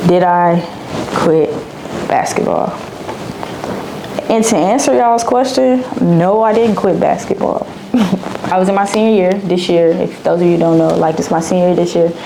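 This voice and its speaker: Young woman vlogger, low voice, chatty and slangy, answers viewer questions, steady hiss behind her. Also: creaky. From Dallas, Texas. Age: 20s. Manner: chatty, slangy, repeats herself. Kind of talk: casual Q&A vlog.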